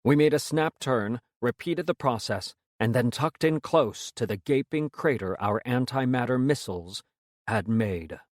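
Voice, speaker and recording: Steady male audiobook narrator, dry close sound. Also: medium pitch, dry recording. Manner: measured, steady storytelling. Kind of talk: scripted first-person narration.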